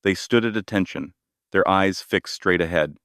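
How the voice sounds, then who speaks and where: A man with a very deep voice narrates a dramatic story. His delivery is even and steady. The recording is dry and close, with no room sound. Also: moderate pace, dry recording. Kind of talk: scripted narration.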